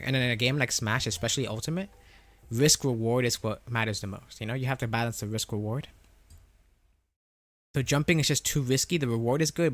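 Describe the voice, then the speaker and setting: A man speaks through a voice changer at a middling pitch, with music behind him. He talks like a livestreamer in casual gaming chat, explaining points step by step and often checking that the listener follows. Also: fairly bright tone. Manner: explanatory, often checking with "right?" and "you know?". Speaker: livestreamer answering chat about a fighting game.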